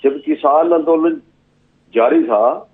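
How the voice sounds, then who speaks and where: A man from Haryana, a state legislator answering in a TV debate, speaking deliberately and repeating phrases. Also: fairly high pitch, phone-quality sound. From Haryana, India.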